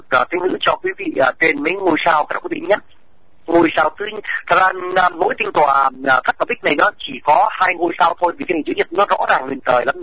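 A man presenting an educational radio talk, explaining at length, addressing listeners formally, and pausing often to hesitate. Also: a little high, bright, forceful tone, breathy edge, dry recording, low-quality recording.

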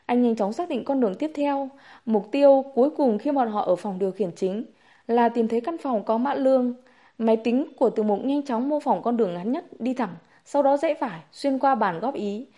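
Female audiobook narrator, steady storyteller, fairly high, mellow voice. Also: moderate pace. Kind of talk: novel narration.

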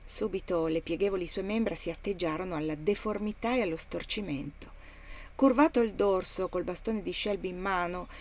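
A woman reading a classic novel aloud as an audiobook, measured and expressive. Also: mid-range voice. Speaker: reader of a novel.

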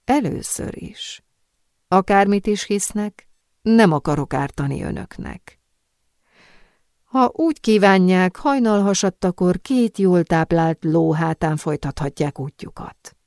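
Nobleman villain, cool and measured, voiced by a female reader; keep the tone low and dry. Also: dry recording, close to an everyday voice. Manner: calm, measured, self-satisfied. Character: calm scheming Italian nobleman, middle-aged man.

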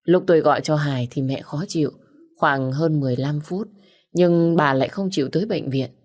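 A worried older brother speaks urgently in an audiobook, voiced by a woman narrator. The delivery is hurried and low-pitched. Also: a little mellow. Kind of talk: audiobook character reading.

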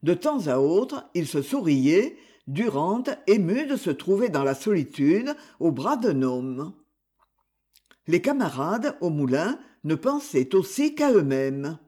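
Man, audiobook narrator, literary reading, measured, high voice, slow pace. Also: very animated, dark tone, husky. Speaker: audiobook reader.

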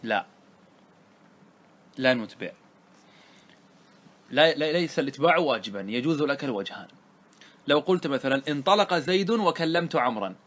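A man teaching grammar as a sheikh. He recites lines of verse slowly and keeps checking that his students follow. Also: mid-range voice, a bit bright. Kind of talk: classroom lesson explaining a grammar poem.

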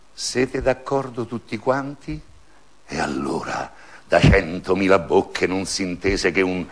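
A man reciting a satirical verse fable in a storytelling way. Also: lowish voice. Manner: storytelling recitation with lively swings of tone. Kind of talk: recited dialect poem.

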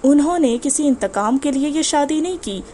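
A woman's voice: high voice, expressive, warm tone, a little hiss or hum. A woman voicing a defiant, indignant young man in an audiobook, speaking firmly and heatedly.

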